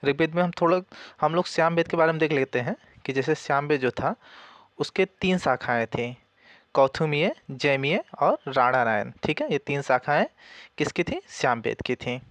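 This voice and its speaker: A man's voice: fairly high pitch, animated, moderate pace, fairly bright tone, dry recording. A man giving a casual spoken exam-prep lesson, asking questions and answering them himself, and repeating key points. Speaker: exam coaching teacher.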